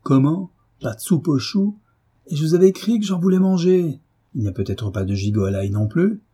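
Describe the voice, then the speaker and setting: A man reading aloud, voicing a brutal middle-aged father who shouts roughly and sarcastically. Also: mid-range voice, lively intonation, moderate pace. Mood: furious, gruff.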